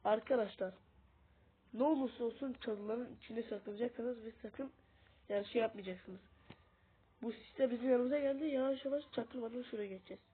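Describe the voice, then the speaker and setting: A woman's voice: a little high, a little fast, breathy edge. A woman who is sick, chatting casually to her viewers as she plays and teaches a mobile game, speaking into a tablet's mic. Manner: chatty, keeps calling out to viewers as friends. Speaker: gaming video host. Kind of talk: casual gameplay commentary. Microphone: tablet's built-in mic. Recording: tinny lo-fi tablet audio with faint hiss.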